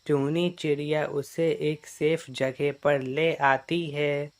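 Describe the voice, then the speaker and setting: A narrator tells a children's cartoon story at a slow, plain pace. The voice sits at a middle pitch. Nothing about it is dramatic. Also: little pitch movement.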